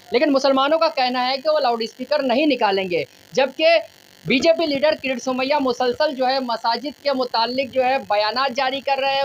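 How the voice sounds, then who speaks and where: A woman with a high-sitting voice reports news on location, interviewing locals in formal, wordy, repetitive phrasing. The on-location audio is noisy, with the highs cut off.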